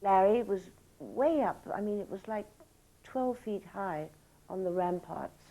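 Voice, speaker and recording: A woman's voice: mid-range voice, lively intonation, measured pace, warm tone, slight background noise, low-quality recording. An older woman recalling anecdotes candidly in a documentary interview.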